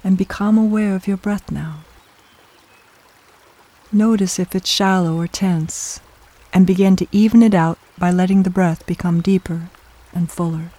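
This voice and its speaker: Soft, mellow meditation guide. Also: mid-range voice, fairly even intonation. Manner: soft, soothing, slow and measured, with long pauses. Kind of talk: guided meditation, scripted narration.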